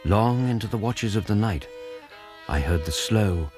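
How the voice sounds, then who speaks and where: An actor playing a genial British gentleman doctor in a radio drama, polite, well-spoken and easily astonished. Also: on the low side, lively intonation, a little slow, music in the background. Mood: reflective narration. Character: genial, incredulous gentleman doctor, loyal companion.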